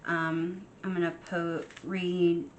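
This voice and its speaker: A young adult woman chatting casually while setting up her journal, soft and unhurried, with frequent ums. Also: on the low side, flat delivery, slight background noise. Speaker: journaling vlogger. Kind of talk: casual chat while crafting.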